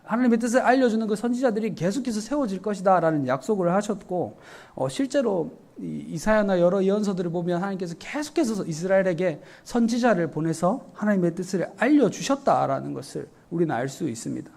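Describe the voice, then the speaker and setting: A male pastor giving an earnest, explanatory evening sermon, often pausing with short fillers. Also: high-pitched, expressive, creaky, a little mellow. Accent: Korean.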